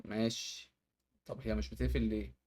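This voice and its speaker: A man's voice: fairly low pitch, flat delivery, fairly quick, darkish tone. A man from Egypt with an Egyptian accent, reacting to home-hack videos in casual commentary and often exclaiming at the tricks. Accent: Egyptian Arabic.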